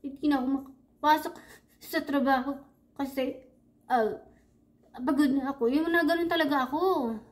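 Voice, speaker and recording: A woman's voice: high voice, steady tone, normal speed, long pauses. A woman from the Philippines talking in a casual, confiding vlog monologue, reflective and rambling, with many hesitations and restarts. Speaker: vlogger.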